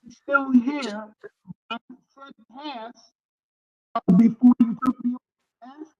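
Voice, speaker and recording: A man's voice: very high voice, steady tone, slow. A man speaking on a video call whose audio is muffled and sounds like he is in a tunnel, giving short, terse replies. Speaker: meeting participant on a video call. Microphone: video-call connection.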